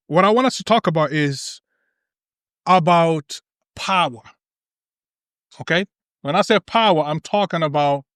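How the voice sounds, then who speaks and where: A man's voice: fairly high pitch, fairly bright tone, no room sound, clean studio sound. Emphatic man hosting a roundtable. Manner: emphatic, lots of "right?" and "okay?" check-ins. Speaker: podcast host. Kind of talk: roundtable discussion.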